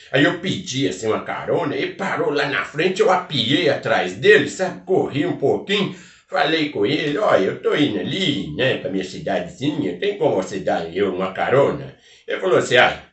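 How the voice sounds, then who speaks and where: A man's voice: mid-range voice, a bit bright. A man playing a folksy rural storyteller with a Minas Gerais caipira accent, rambling through a comic tale full of country interjections and asides. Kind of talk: comic folk tale telling. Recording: roomy sound from a distant mic.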